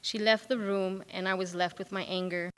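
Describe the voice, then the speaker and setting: A young woman performing a personal monologue in a quiet, reflective way. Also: mid-range voice, steady tone, moderate pace, smooth. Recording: reverberant hall.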